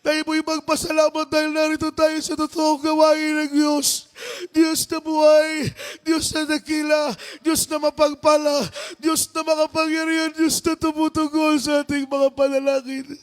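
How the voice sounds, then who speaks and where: A man with a Filipino accent preaching a fervent sermon, repeating refrains and rising to shouts. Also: extremely high pitch, monotone, normal speed.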